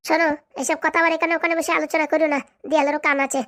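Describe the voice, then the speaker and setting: A woman voicing a bossy, sharp-tongued cartoon wife who scolds and insults her husband. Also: high-pitched, little pitch movement, very fast. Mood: scolding. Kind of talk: comic cartoon dubbing.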